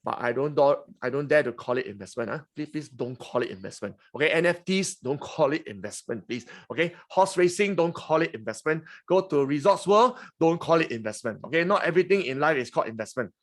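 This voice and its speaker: A man's voice: a little high, expressive, a little fast, few pauses. A man in his forties with a Singaporean English accent, hosting a finance webinar in a chatty, teasing way. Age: 40s. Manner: chatty, teasing, frequent "okay?" and "huh?". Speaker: webinar host. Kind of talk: lively finance webinar talk.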